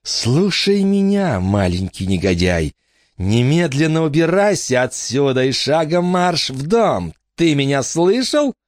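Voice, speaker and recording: A man's voice: big pitch swings, unhurried, no room sound. A male narrator voicing a greedy, scheming woman who runs an orphanage, switching between falsely sweet fawning and a furious hiss. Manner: shrill, hissing, falsely sweet. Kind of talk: audiobook character voice.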